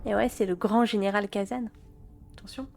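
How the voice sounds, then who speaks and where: A young woman streaming a game, chatting to her chat and reading game dialogue aloud, excitable and quick to laugh. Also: mid-range voice, vocal fry, soft background music. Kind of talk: gameplay let's play commentary.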